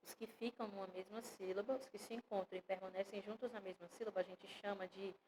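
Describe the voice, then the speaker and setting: Brazilian woman, online teacher, patient step-by-step explainer, mid-pitched voice, faint noise behind. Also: steady tone, quick pace. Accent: Brazilian Portuguese. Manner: explains step by step, often checks in with "né?" and "tá vendo?". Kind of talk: online grammar lesson for children.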